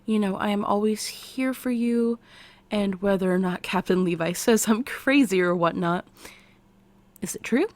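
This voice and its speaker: In an intimate, chatty ASMR roleplay that dips into soft whispers, an American woman plays an eccentric, eager military scientist acting as a therapist, in a playful, scheming mood. Her mid-range voice moves at normal speed and is lightly acted. No room sound is audible.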